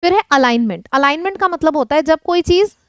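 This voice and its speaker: A woman's voice: sits high, animated, fast talker, a bit bright, no echo. A woman teaching an online vocabulary lesson, explaining words in Hindi mixed with English and checking in with her students often.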